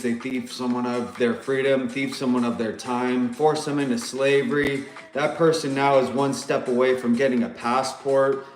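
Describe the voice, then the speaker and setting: A man's voice: mid-range voice, reverberant. A man delivering a rambling, profane rant to the camera, agitated and repeating himself.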